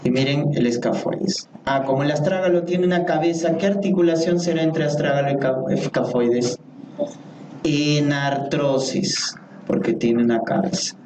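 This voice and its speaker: A man's voice: fairly high pitch, background noise. A man teaching an anatomy class, repeating each term and asking the students questions. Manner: slow, repeats key terms, asks the class questions. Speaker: anatomy lecturer. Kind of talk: medical anatomy lecture. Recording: echoey room, voice from far off.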